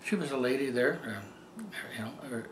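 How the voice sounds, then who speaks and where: A man's voice: medium pitch, animated, brisk, reverberant, a little hiss or hum. An older man telling a heartfelt personal story in a rambling, casual way, with many fillers and restarts. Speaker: storyteller recounting personal experiences. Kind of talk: casual spoken testimony.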